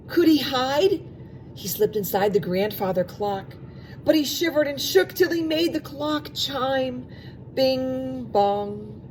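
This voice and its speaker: In a high voice, a woman gives a lively, expressive storybook reading for young kids, elongating sound words and addressing asides to them. The recording is low-quality with slight background noise.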